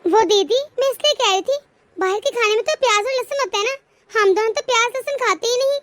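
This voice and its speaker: A woman's voice: very high-pitched, fast talker, a bit bright. A woman voicing a grumbling, accusing sister-in-law in a cartoon story. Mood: resentful.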